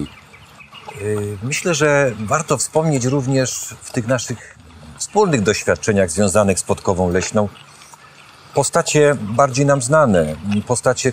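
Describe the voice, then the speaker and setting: A middle-aged man hosting an outdoor interview, asking measured, formal questions into a boom microphone. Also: a little hiss or hum. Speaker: host. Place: outdoors on a campus lawn.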